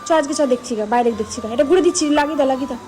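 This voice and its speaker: Brief: high-pitched woman, casual home vlogger, talks to viewers, soft music underneath. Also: rapid-fire. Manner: chatty, addresses viewers directly. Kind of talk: casual home vlog chat. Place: at home, indoors.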